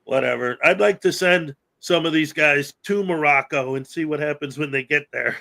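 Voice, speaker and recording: This man hosts a podcast in loose, casual chat, with a tone that has a bright, forceful edge. He sits a little higher than most men in pitch. He rambles, piles on fillers and laughs often. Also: moderate pace, gravelly. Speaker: podcast host.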